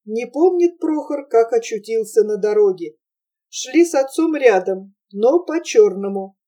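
A woman narrating a literary novel as an audiobook in a measured, expressive storytelling manner. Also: on the high side, recorded from a distance.

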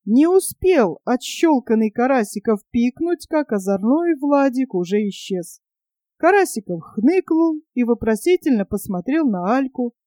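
A woman reading a children's story aloud as an audiobook, expressive and measured. Her voice sits a bit high and sounds mellow, with a dry, close recording. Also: no room sound. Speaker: narrator.

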